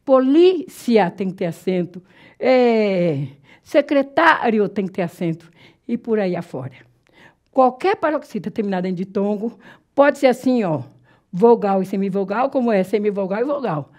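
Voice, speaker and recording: A Brazilian woman teaching Portuguese grammar in a classroom lecture, explaining step by step, checking that the class follows, and slowly drawing out example words. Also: medium pitch, lively intonation, a little mellow. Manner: drawn-out, slow spelling of example words.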